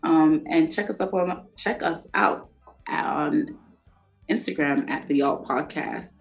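A woman's voice: low-pitched, takes it slowly, gravelly, faint music behind. A young woman from a Haitian family co-hosting a casual podcast, playful and laughing, firing off mock-incredulous questions. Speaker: podcast co-host.

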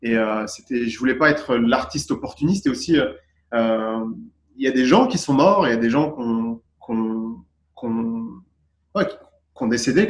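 Thoughtful man from Tunisia, roomy sound. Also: medium pitch. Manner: thoughtful, searching for words. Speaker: guest artist. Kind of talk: interview answers. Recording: roomy echo.

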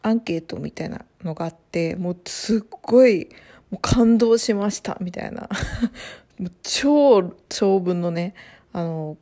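A woman, a new mother, chatting casually to her viewers in soft, rambling sentences full of fillers and pauses. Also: lowish voice, lively intonation. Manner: trails off in long run-on sentences. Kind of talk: casual chat to camera.

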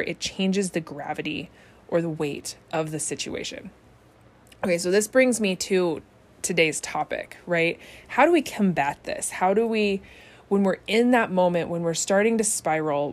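A woman hosts a casual self-help talk in a slightly low, relaxed voice. She is chatty and laughs easily, tossing in "right?" as she goes. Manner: chatty, often asks "right?".

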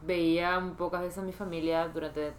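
A woman's voice: on the low side, little pitch movement, moderate pace, slight background noise. A young woman from Peru, a university student guest, talking casually with many hesitant fillers. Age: young adult. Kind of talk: casual chat.

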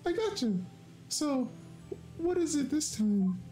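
A man voicing a perky, teasing young woman, a little sister, in a high falsetto while reading a game aloud. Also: sing-song, takes it slowly, dark tone, reverberant, faint music behind, heavily acted. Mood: cheerful. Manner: high falsetto girl voice, playful. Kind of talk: let's play voice reading.

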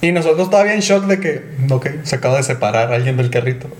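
A man's voice: medium pitch, expressive, quick pace, roomy sound, a little hiss or hum. A young man telling a rambling childhood story to friends, often embarrassed and laughing at himself. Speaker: podcast co-host. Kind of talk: casual storytelling among friends.

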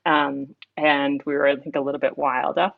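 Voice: mid-range voice, flat delivery, moderate pace, gravelly. Australian host, casual, teasing, reminiscing; dull lo-fi audio. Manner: reminiscing, playful teasing, frequent restarts. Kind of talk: casual chat. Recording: dull lo-fi recording.

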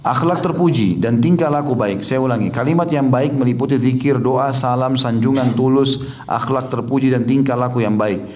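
A man giving a religious lecture, explaining hadith and reciting verses in Arabic with a steady teaching manner. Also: medium pitch, moderate pace. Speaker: Islamic preacher.

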